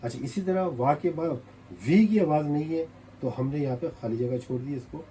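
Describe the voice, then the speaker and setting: A man's voice: a little high, moderate pace, dark tone, slight background noise, low-quality recording. A man from Pakistan with a Pakistani Urdu accent, teaching a step-by-step writing lesson and patiently repeating each sound as he writes. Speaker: language teacher.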